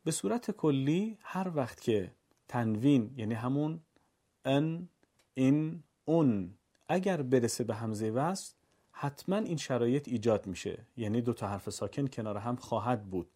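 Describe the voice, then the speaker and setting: A man teaching the rules of Quran recitation, explaining step by step and chanting the examples in a slow, melodic voice. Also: mid-range voice, lively intonation, warm tone. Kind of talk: instructional explanation.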